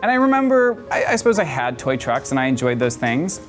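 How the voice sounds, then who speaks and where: A man's voice: medium pitch, sing-song, fairly quick, faint music behind. A young man from Georgia in the United States, a talk show guest speaking openly and chattily, with frequent fillers. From Atlanta, Georgia, United States. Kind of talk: casual talk show interview.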